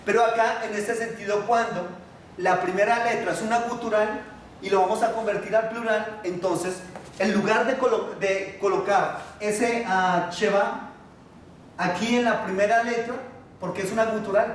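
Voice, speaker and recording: A man teaching a Biblical Hebrew class, patiently asking his students questions and pausing on fillers. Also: sits high, far from the mic, slight background noise. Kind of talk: classroom lesson. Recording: echoey room, voice from afar.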